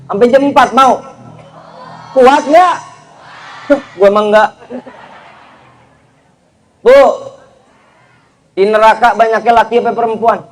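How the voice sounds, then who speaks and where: A man giving a lively, humorous sermon, speaking directly to the crowd and teasing them. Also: extremely high pitch. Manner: lively, joking, addresses audience directly with Betawi slang. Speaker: preacher.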